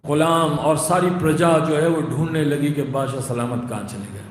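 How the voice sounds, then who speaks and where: A man preaching to a gathered audience, telling a parable and calling out to his listeners. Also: a little high. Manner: animated, addresses the audience directly. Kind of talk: sermon storytelling. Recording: echoey hall, faint background noise.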